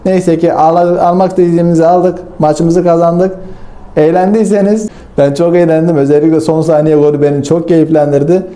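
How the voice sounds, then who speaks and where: A man giving casual, excitable commentary over a football video game, talking straight to his viewers and swinging from hype to frustrated grumbling. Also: on the high side, normal speed. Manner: talks straight to viewers as friends. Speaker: gaming YouTuber.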